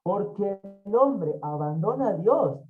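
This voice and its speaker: A man's voice: high voice, lively intonation, takes it slowly, narrow, tinny audio, faint music behind. A man from Colombia, teaching an expository Bible study in an emphatic way and repeating his key phrases.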